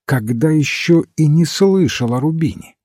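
A man voicing a mild, thoughtful old priest-detective who calmly reasons a case through, in a storybook reading. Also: fairly high pitch, moderate pace, no room sound, clean studio sound. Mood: explaining. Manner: calm, reasoning, gently explaining. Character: mild, thoughtful elderly male priest-sleuth.

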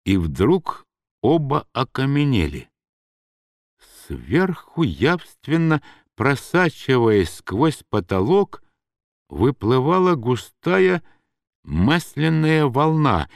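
A man narrating a novel as an audiobook in an expressive, dramatic reading. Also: medium pitch, no echo, clean studio sound.

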